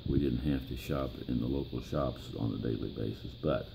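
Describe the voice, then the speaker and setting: An old American man with an extremely low voice full of gravelly creak. He reminisces plainly and haltingly, pausing mid-phrase. Clear background noise sits behind him. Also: steady tone. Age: 70s or older. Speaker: interviewee, grandfather. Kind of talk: reminiscing in an interview.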